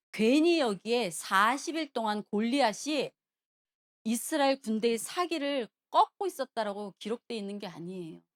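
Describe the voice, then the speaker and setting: Animated high-voiced woman preacher. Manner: animated, questioning the congregation. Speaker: pastor. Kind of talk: sermon storytelling. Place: church.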